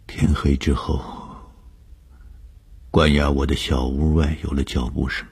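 A man narrating a first-person audiobook story, slow and often breathy, sometimes half-whispered. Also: rumbling low, little pitch movement, a little mellow.

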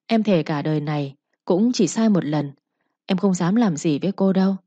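A woman's voice: fairly low pitch, normal speed, warm tone, slightly rough, dry recording, muffled recording. A woman voicing a young servant girl who answers her mistress humbly and pleads with her. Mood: pleading.

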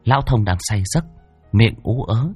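A man's voice: fairly low pitch, measured pace, a little mellow, breathy edge, dry recording, soft background music. A man narrating a horror story in a dramatic, ominous way.

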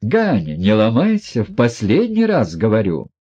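A man's voice: fairly low pitch, huge pitch swings, moderate pace. Man voicing frenzied sneering hanger-on, roaring, dull recording. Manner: frenzied shouting.

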